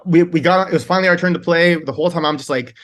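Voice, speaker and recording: Talking very fast in a somewhat high, fairly bright voice, a band's singer rambles through long tour stories as a guest in a casual interview. He laughs a lot and often starts his sentences over.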